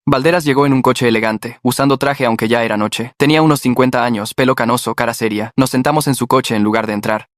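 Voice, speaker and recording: Un hombre con acento mexicano que narra en primera persona una historia escrita, en tono tenso y constante. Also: male voice, mid-range voice, quick pace, few pauses, no room sound, studio quality. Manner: tense, steady storytelling. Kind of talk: scripted first-person story narration.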